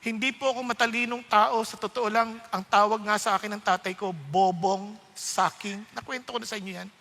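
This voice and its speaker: High, bright preacher in a hall. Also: male voice, brisk, vocal fry. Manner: animated storytelling, acts out what others said. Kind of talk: sermon testimony.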